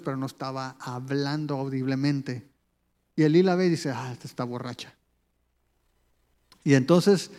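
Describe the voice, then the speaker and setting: A man preaching a sermon in a conversational way, turning to the listener with direct questions. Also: a little high. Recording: long hall reverb.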